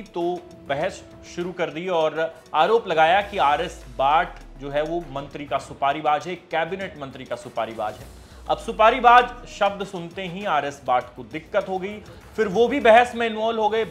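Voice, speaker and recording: A man hosting a news show, narrating a report in an energetic, emphatic way. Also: sits high.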